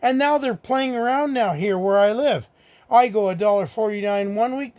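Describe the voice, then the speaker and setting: A man's voice: very high-pitched, darkish tone. Angry man ranting on camera. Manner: angry, blunt, repeats rhetorical asides. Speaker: vlogger. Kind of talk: political rant to camera.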